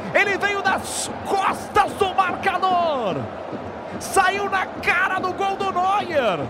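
Brazilian man, football play-by-play, slow drawn-out shouts, dramatic delivery, noisy broadcast with loud crowd. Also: very high voice. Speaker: football commentator. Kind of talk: excited radio-style football play-by-play commentary.

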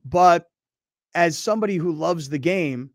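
Guy hosting sports radio, upbeat and chatty, kinda high voice. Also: measured pace, dry recording, clean studio sound. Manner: energetic, conversational.

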